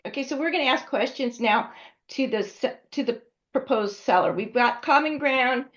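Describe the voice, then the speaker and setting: A woman's voice: high voice, moderate pace, a bit bright. A woman teaching a class in a conversational way, often checking in with her students. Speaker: instructor. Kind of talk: classroom lecture. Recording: dull lo-fi recording.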